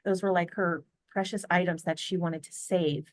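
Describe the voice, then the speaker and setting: A woman's voice: lowish voice, steady tone, normal speed, no echo. An American woman, a podcast guest, telling a family story in an earnest, chatty way, full of fillers and restarts, over a video call. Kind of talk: casual storytelling interview.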